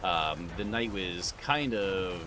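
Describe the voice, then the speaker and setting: A gamer on a livestream greets his viewers by name and calls them sir as he chats casually during play. He speaks slowly, in a deep and animated voice, and background noise comes through clearly.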